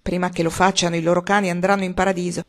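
Woman doing Roaring Abel, a loud gruff old man. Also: level tone, racing, natural voice. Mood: blustering. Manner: booming and blustering.

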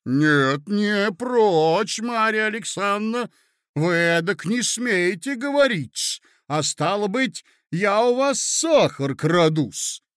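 A man voicing a shrill, spiteful provincial lady who shrieks indignantly. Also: lively intonation, slow, a bit bright, smooth, dry recording, clean studio sound, exaggerated voice. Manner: shrieking, indignant, adds a servile '-s' to words.

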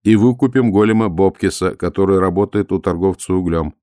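A man voicing a calm, polite male golem who speaks in an even, measured way. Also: deep voice, dry recording, studio quality, close to an everyday voice. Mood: calm earnest.

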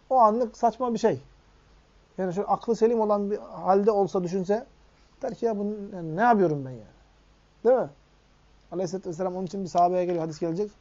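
High-voiced man teaching hadith, lo-fi. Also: dark tone. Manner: asks the audience rhetorical questions. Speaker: religious teacher. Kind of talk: hadith commentary lesson. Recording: dull lo-fi recording.

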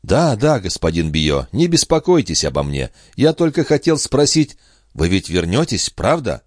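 An eager, naive young peasant lad, as a male audiobook reader puts him on. He talks in a raised, bouncing voice, earnest and excitable, anxious to please. The sound is close and dry. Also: lowish voice, moderate pace, no echo, voice pushed up.

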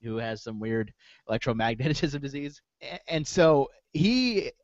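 A man's voice: medium pitch, expressive, no room sound, dull audio. A man co-hosting a podcast, discussing a TV show casually, stumbling and repeating words as he gets going. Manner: halting, repeats words, eager. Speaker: podcast co-host.

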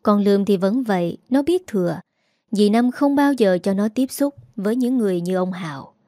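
A woman with a Southern Vietnamese accent reads a story in a calm, measured way. Her voice is warm and mellow at a middle pitch, recorded close and dry. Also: no echo. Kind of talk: scripted narration.

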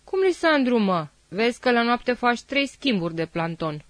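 A woman's voice: on the high side, big pitch swings, dry recording, voice pushed up. A woman voicing a harsh, short-tempered male army captain who barks orders and mocks, in a dry studio read. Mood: mocking. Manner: barking, mocking, commanding.

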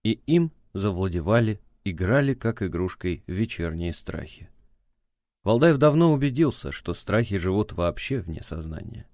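A man reading an audiobook in a measured, dramatic narration style. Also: sits low, lively intonation, darkish tone, dry recording, studio quality. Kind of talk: scripted narration.

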